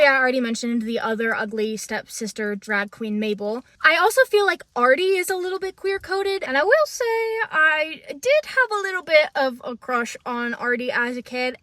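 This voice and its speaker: A woman's voice: high-pitched, a bit bright, no echo. A young woman giving casual commentary as a video essayist, chatty and sarcastic.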